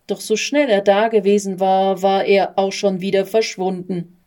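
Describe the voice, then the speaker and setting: A woman calmly reading a children's story aloud. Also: medium pitch, normal speed. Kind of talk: read-aloud storybook narration.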